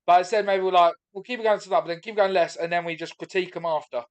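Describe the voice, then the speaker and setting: A man's voice: high voice, very fast, smooth, highs cut off. A man hosting a comedy show on a video call with casual, sweary, matey banter. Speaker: host of comedy gong show.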